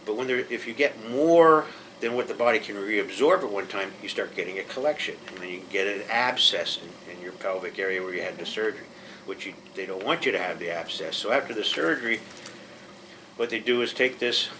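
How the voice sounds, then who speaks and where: Plainspoken man with a bright, forceful voice. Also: on the low side, animated, brisk, a little hiss or hum, poor audio. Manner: plainspoken, reassuring, repeats and restarts. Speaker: patient educator. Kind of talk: pre-surgery class explanation.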